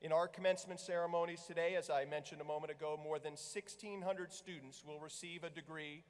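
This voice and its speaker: A man who is a university president gives a formal, deliberate commencement speech at a podium mic in a large hall. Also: on the high side, fairly even intonation. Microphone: podium microphone. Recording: long reverb of a large hall.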